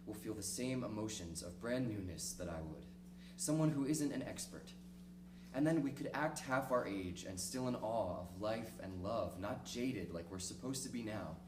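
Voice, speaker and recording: On a small theater stage, a male actor voices a lonely, cynical middle-aged diarist in a one-act play monologue, pausing haltingly as he reflects with regret. His mid-range voice stays close to how he'd normally talk. Recorded from out in the audience, the sound is distant, echoey, and hums noisily.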